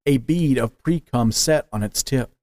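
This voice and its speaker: Man reading a story out really slow and steady, dry close sound, no room at all. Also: medium pitch, dry recording. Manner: slow, measured, deliberate. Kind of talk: scripted narration of an audio story.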